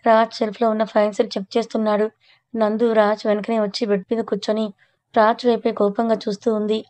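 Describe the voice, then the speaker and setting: A woman reading a romantic family story aloud in a steady, even way as narrator. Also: mid-range voice, fast talker. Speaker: story reader.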